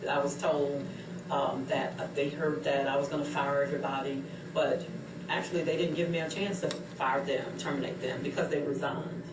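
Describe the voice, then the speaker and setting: Male mayor, hesitant answers, flat slightly high voice, noisy far-off mic. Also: normal speed. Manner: hesitant, many fillers. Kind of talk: answering interview questions. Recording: echoey room from far off, noisy.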